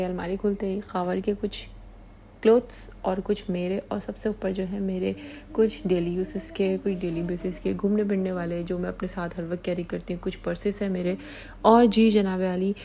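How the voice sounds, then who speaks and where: Chatty Pakistani woman on a flat home tour. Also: medium pitch, poor audio. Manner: chatty, affectionate, repeats words like "pyari si". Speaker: vlogger. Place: small apartment, indoors.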